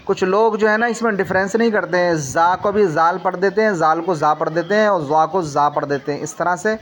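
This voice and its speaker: In a tajweed lesson, a man teaches Quran reading, explaining slowly, tacking a little "na" onto his sentences and repeating each letter sound over and over for the learner. His voice is high-pitched and a bit bright, with a slight hiss or hum in the background.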